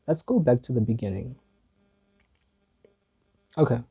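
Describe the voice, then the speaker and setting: A man's voice: mid-range voice, expressive, measured pace, warm tone, slightly rough. A man making casual reaction commentary for his video channel, rambling and hesitant, with a self-deprecating, wandering way of talking. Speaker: video creator.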